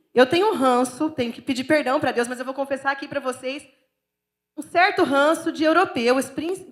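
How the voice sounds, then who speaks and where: A Brazilian woman pastor preaching a sermon in a chatty, candid and expressive way, with a Brazilian accent. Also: sits high. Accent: Brazilian Portuguese. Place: church.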